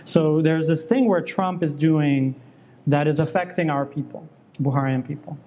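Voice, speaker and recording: A man in the guest seat of an interview, arguing his case insistently and quickly, often cutting in. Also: on the high side, warm tone, slight background noise. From New York. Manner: fast, insistent, interrupts and argues back. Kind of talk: heated political debate.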